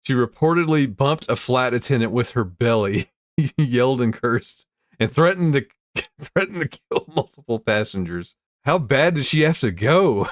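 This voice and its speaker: A man's voice: medium pitch, lively intonation, normal speed, no echo, clean studio sound. A man hosting casually, reading news aloud with amused commentary. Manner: amused, easily breaks into chuckles. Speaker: host.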